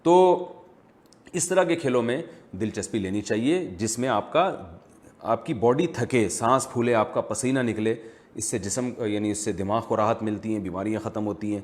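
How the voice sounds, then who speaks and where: A man speaking as an Islamic scholar, answering viewer questions in a measured, explanatory, teacherly way. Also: on the low side, darkish tone. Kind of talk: religious Q&A lecture.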